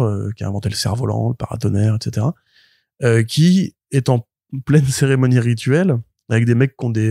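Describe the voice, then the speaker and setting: A man co-hosting a comics podcast, retelling a plot in an animated, rambling way full of fillers and restarts. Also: medium pitch, gravelly, dry recording, clean studio sound. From France. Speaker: podcast co-host, comics reviewer. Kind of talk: casual podcast chat.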